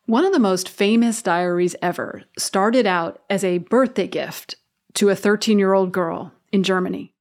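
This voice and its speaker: A woman's voice: medium pitch, normal speed. A woman hosting a show, moving between scripted narration and interview questions. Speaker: show host.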